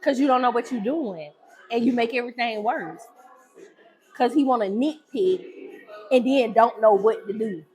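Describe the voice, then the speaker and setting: A woman's voice: on the high side, expressive, normal speed, darkish tone, poor audio. A middle-aged woman, a restaurant owner co-hosting a casual chat, talking bluntly and teasing.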